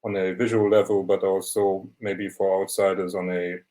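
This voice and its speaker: A young man, a photographer giving a measured, explanatory presentation of his work over a video call. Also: deep voice, level tone, warm tone, poor audio. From Germany. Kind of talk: online portfolio presentation.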